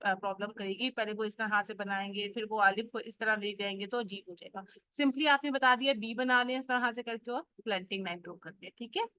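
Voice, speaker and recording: Bright-voiced woman teaching phonics. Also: on the high side, no room sound. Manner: drills sound blends steadily, instructive. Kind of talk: online phonics lesson for mothers.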